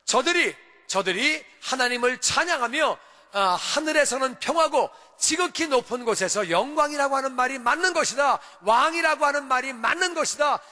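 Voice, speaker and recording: High bright-voiced preaching pastor. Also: male voice, long reverb tail. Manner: emphatic, repetitive preaching with rising calls. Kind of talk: sermon. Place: church sanctuary.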